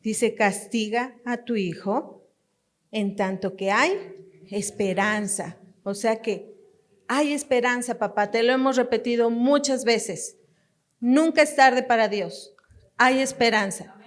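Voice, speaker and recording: A woman's voice: fairly high pitch, slow pace. A woman pastor teaching parents in a sermon, repeating her points emphatically and speaking straight to them. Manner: emphatic and repetitive, addressing parents directly with light laughter.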